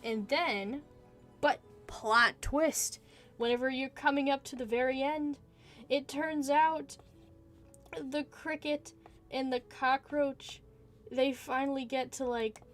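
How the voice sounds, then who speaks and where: Slow, rambling woman with a high voice. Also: fairly even intonation, soft background music. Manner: rambling, giggly, playfully mock-earnest. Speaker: narrator pitching a made-up movie plot. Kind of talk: casual improvised storytelling.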